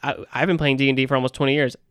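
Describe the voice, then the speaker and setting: A man's voice: mid-range voice, level tone, racing, a bit bright, smooth, no room sound. A man co-hosting a podcast about tabletop gaming, chatting casually, rambling and swearing freely. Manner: rambling, swears freely, laughs mid-sentence. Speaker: podcast co-host, game master. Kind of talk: casual chat.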